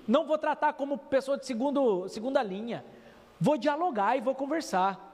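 A man from Brazil, preaching a sermon as pastor, telling lively stories and acting out the voices in them. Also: very high-pitched. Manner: lively storytelling preacher, acts out quoted voices. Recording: long church hall reverb.

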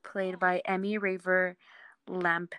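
Low-ish and sharp in tone, this young woman speaks slowly with a flat delivery as she hosts a podcast. She guides a casual chat about television informally, with slang and an agreeable manner. There's no room sound.

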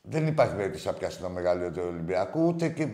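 A man hosts a call-in show in a slightly low voice. He talks bluntly and swears a lot. He flips between shouting outbursts and low asides. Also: big pitch swings. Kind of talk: casual call-in banter.

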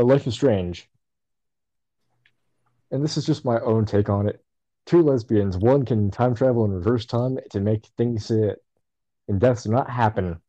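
A man in casual chat, laid-back and swearing freely in lively banter. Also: medium pitch. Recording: dull lo-fi mic.

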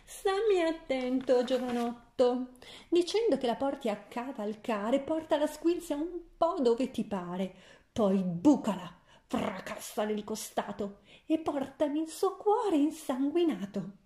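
Lady doing a screechy evil queen, slow and shrill, echoey room. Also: expressive, mellow. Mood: furious. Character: shrieking vain wicked queen, adult woman. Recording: roomy echo.

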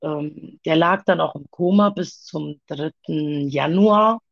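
A woman talking haltingly about her own past in a personal conversation, with many pauses and fillers. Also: low voice, gravelly, dull audio.

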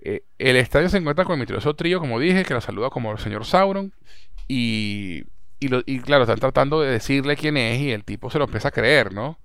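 A young man with a Venezuelan Spanish accent, chatting casually as a podcast host and recapping a series in an animated way. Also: medium pitch, a little fast, clear, resonant tone, dry recording, studio quality. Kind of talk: casual chat.

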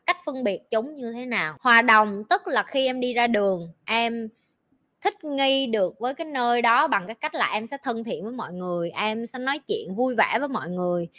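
A woman with a Southern Vietnamese accent, a life coach talking in a casual advice podcast, animated and joking as she tells stories. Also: a little high. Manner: animated storyteller who acts out quotes and jokes with mock swearing.

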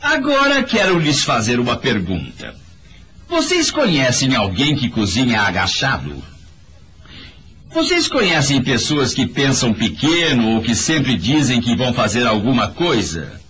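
A man delivers a motivational talk with a preachy, emphatic manner. His pitch swings wildly from low to high as he presses each point. He speaks straight to his listeners, with a faint hiss underneath. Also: wildly swooping pitch, measured pace, fairly bright tone. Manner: emphatic, preachy, addresses the audience directly. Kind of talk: motivational speech in a voice-over.

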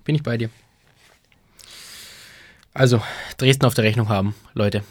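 Male podcast host, lilt, chatty and quick to laugh, dry close mic. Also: mid-range voice, steady tone, no room sound. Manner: laughs often, tells stories with mimicked voices. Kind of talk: casual chat about ice hockey.

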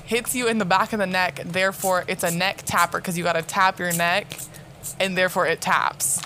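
Bright-voiced young woman, giggly and chatty. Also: fairly low pitch, steady tone, moderate pace, slight background noise. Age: young adult. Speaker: podcast co-host. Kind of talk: casual chat.

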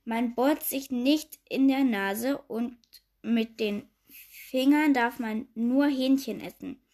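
Woman doing a fussy prim storybook queen, fairly high voice, reads rules aloud. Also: slow, dark tone. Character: fussy prim queen mother, anxious about manners.

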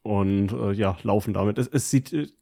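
A man's voice: lowish voice, moderate pace, gravelly, mellow. A man co-hosting a podcast, telling stories in casual, slangy German. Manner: colloquial, slangy. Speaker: podcast co-host. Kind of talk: casual chat, telling about his week.

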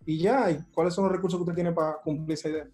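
A man's voice: on the high side, steady tone, quick pace, a little mellow, faint music behind. A man with a Dominican accent explaining things casually, in slangy, emphatic phrases that he often repeats. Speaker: content creator.

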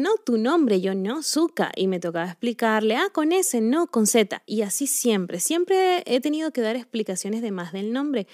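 A woman's voice: medium pitch, dry recording, studio quality. Woman telling playful personal stories. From Latin America. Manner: lively, playful anecdotes with acted-out quotes. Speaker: podcast host. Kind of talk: personal storytelling monologue. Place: Spain, living there now.

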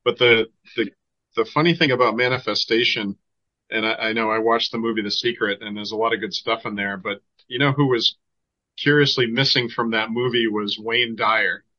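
A man with a Boston accent chats eagerly as a podcast guest, his low voice carrying a bright, forceful edge. He often restarts his sentences and keeps the talk moving. The audio is a little dull and lo-fi. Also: steady tone, normal speed. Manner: enthusiastic, chatty, restarts often. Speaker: podcast guest, Reiki healer. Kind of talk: casual conversation.

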